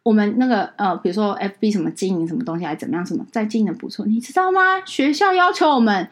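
A woman's voice: medium pitch, lively intonation, fast talker. A woman with a Taiwanese Mandarin accent, hosting a podcast as a casual chat and telling an indignant story with acted-out quotes. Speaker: podcast host.

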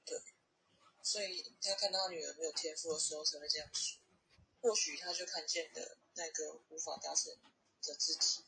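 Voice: mid-range voice, fairly even intonation, normal speed, gravelly, sharp tone, a little hiss or hum. A podcast co-host talking casually over a phone call, thoughtfully offering personal interpretations in a conversational way. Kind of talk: casual conversational discussion of a comic.

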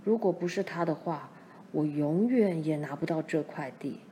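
A woman voicing a steady middle-aged pioneer father, speaking low and measured as he recounts events. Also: slight background noise, close to an everyday voice. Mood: calm.

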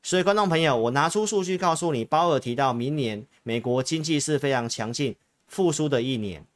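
A man's voice: medium pitch, animated, brisk, dry recording. A man with a Taiwanese Mandarin accent presents stock market analysis as an advisory host. He speaks straight to his viewers, stressing and repeating key points. The sound is dry, with very little room in it. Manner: emphatic, repetitive, addresses viewers directly. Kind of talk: stock market commentary to camera.

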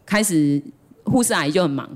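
Animated Taiwanese-accented woman storyteller. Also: low-pitched, a little fast. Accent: Taiwanese Mandarin. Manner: animated, acts out the voices in her story. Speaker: podcast host. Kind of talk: casual storytelling chat.

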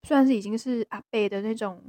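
A woman with a Taiwanese Mandarin accent, co-hosting a podcast in casual chat, talking hesitantly with many restarts and a soft voice that trails off. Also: on the high side, fairly quick, no echo. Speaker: podcast co-host.

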